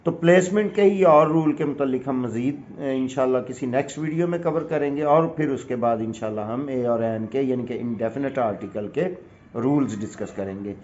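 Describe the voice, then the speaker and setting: A man's voice: medium pitch, darkish tone, slight background noise. A man from Pakistan with a Pakistani accent, teaching an English grammar lesson with patient, step-by-step explanations and examples. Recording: dull lo-fi recording.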